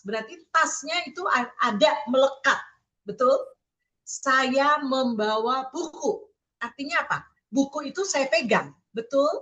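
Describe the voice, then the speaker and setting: A woman giving a sermon-style Bible teaching. She addresses her listeners directly, often asks them questions, and reads scripture slowly, stressing key words. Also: on the high side, pushed and bright, poor audio. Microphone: online meeting with listeners muted.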